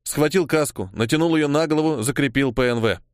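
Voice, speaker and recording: A man narrating an audiobook in a steady storytelling voice. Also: on the high side, brisk, smooth, dry recording, studio quality. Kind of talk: scripted narration.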